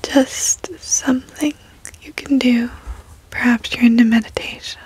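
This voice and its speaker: A young woman delivers a whispered pep talk close to the microphone, gently and reassuringly. Her voice is breathy and airy, with very little rise and fall, and she takes her time over each short affirmation. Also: a little high, fairly even intonation, no room sound, rough recording. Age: young adult. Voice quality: soft, breathy, unvoiced whisper. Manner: slow, reassuring, gentle encouragement. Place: bedroom, indoors. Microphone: close desk microphone.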